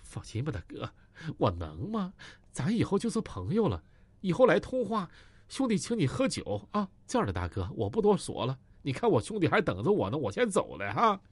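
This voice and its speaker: A man's voice: fairly high pitch, wildly swooping pitch, brisk, breathy edge, no echo, exaggerated voice. A man voicing a cowardly, fawning male gang boss who stammers and pleads.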